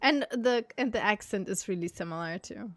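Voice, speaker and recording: Woman, podcast host, mid-pitched, curious questions, dry close recording. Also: animated, normal speed, a bit bright, no echo. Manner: curious, frequent listening sounds. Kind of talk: casual interview.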